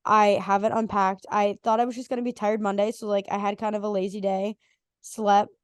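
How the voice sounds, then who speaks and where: A young woman in her twenties with a hoarse, worn-out voice, co-hosting a casual podcast chat and rambling with lots of fillers. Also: medium pitch, little pitch movement, brisk, no echo, clean studio sound. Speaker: podcast co-host.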